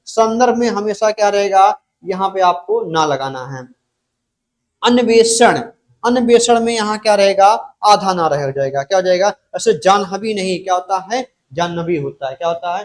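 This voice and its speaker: A man's voice: sits high, lively intonation, measured pace. A man teaching spellings for an exam, drilling each word with questions and repeated answers, addressing viewers directly. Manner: keeps asking rhetorical questions and repeating the answers; addresses viewers directly, calls them brother. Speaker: Hindi exam-prep teacher. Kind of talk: spoken lesson, drilling spellings.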